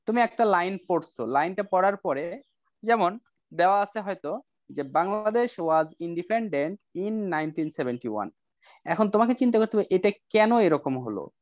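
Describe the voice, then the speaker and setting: A male English teacher giving an online class lecture, coaxing students with rhetorical questions and slowing down to spell out example sentences. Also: sits high, no room sound. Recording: dull lo-fi online class audio.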